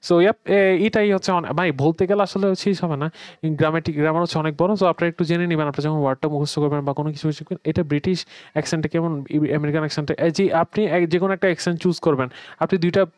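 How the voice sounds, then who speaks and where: A man's voice: fairly high pitch, fairly even intonation, fast, a little mellow, no room sound. A man from Bangladesh teaching an online English grammar lesson, explaining in a conversational way and dropping English words into his talk.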